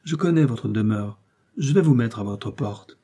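A man's voice: medium pitch, animated, normal speed, dark tone. A man voicing a lean, proud stray tomcat who speaks curtly and with scorn in a storybook reading. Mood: calm. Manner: curt and scornful.

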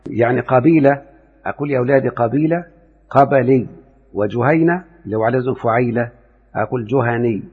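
A man's voice: medium pitch, breathy edge. A man from Upper Egypt with an Egyptian Arabic accent, lecturing on Arabic grammar and explaining step by step while quizzing his students. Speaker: grammar teacher. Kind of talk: classroom lecture on Arabic morphology. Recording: phone-like audio with long reverb.

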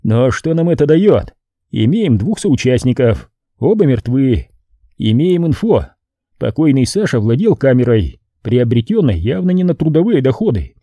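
A man's voice: mid-range voice, sing-song, moderate pace, dark tone, dry recording. A man voicing a wry middle-aged male colonel with a dry, businesslike manner.

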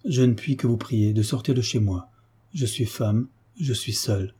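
A man's voice: mid-range voice, normal speed, mellow, breathy edge, natural voice. A man voicing a proud, indignant young woman in an audiobook.

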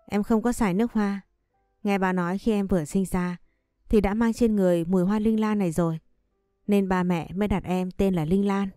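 A woman's voice: medium pitch, steady tone, brisk, mellow, no room sound, studio quality, soft background music, lightly acted. A woman voicing a polite, shy nineteen-year-old maid in a storybook reading. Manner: polite, deferential.

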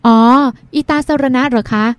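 A woman's voice: moderate pace, no echo, close to an everyday voice. A woman reading the part of a teasing, sulky young woman who speaks in a pouty, bratty way. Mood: playful.

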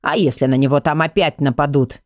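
A woman voicing a gruff, blunt male magical book. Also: deep voice, steady tone, fairly quick, darkish tone, dry recording, dull audio, pitched below the performer's own voice, close to an everyday voice.

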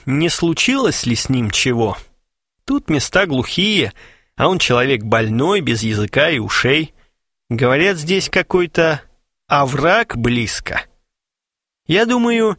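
A man's voice: on the high side, very animated, takes it slowly, bright, forceful tone, no echo, clean studio sound, voice pushed up, heavily acted. A man voicing a gloomy shaven man who plays a grieving brother with mournful, theatrical sighs, in an audiobook. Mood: brooding suspicion. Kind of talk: audiobook character voice.

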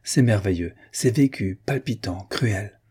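A man's voice: on the low side, measured pace, dark tone, slightly rough. A man voicing a gushing, credulous princess in a read-aloud novel, with an effusive manner.

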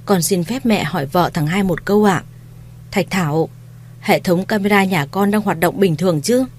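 A woman reading a story, voicing a middle-aged son who speaks politely and calmly to his mother. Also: on the low side, natural voice. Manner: polite, measured.

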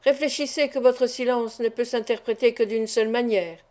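A severe investigating judge, as a woman reader puts him on, pressing his questions in long, deliberate sentences. The voice sits fairly high and mellow, with a warm, soft edge even when he grows stern. It comes from a storybook reading of a classic novel. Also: lightly acted. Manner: severe, measured interrogation. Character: stern male investigating judge, middle-aged.

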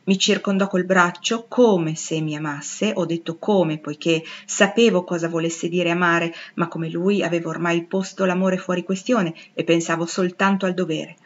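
A woman narrating a literary audiobook in an expressive, dramatic reading. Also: lowish voice, normal speed, hardly any pauses, highs cut off. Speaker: audiobook reader.

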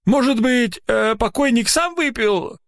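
A man voicing a superstitious, grumpy old village watchman who mumbles through a toothless mouth in a high, shrill voice. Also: lively intonation, fairly bright tone, exaggerated voice. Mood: grumbling. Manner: shrill, quick to panic.

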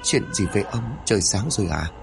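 A man's voice: fairly low pitch, lively intonation, fairly quick, vocal fry, soft background music. A man voicing a frightened middle-aged wife who questions her husband anxiously in a spoken horror story. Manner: anxious, pleading.

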